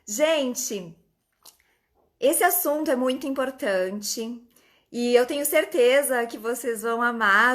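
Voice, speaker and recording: A woman's voice: high voice, a bit bright. A woman hosting a casual live stream, greeting viewers by name and chatting.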